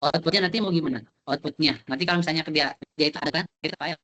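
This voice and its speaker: A man's voice: fairly high pitch, very fast, sharp tone. Man on a choppy, breaking-up call. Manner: probing, questioning. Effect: choppy call audio breaking up. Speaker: lecturer. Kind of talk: online class consultation. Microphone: video call.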